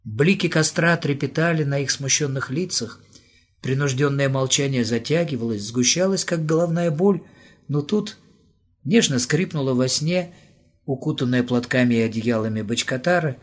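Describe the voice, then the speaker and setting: A man reading an audiobook narration in a lively, ironic storytelling manner. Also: mid-range voice, moderate pace. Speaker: audiobook reader.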